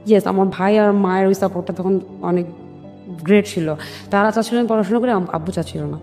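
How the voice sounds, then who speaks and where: With music playing and a long reverb on the recording, a Bangladeshi-accented woman recounts her life in an interview, talking fast in a dark, medium-pitched voice with fairly even intonation. She is earnest and emphatic, voicing the dialogue she remembers.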